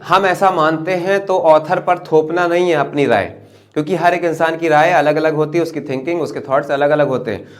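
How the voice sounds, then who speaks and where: Man teaching English exam tips. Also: fairly high pitch. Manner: explains in Hindi, reads English slowly aloud; asks "right?" to check understanding. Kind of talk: exam-prep lecture.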